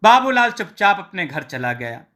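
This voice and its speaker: A male storyteller reads a scripted tale in a steady, plain way. His voice is high and his tone is bright. He gives voice to every character himself. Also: normal speed.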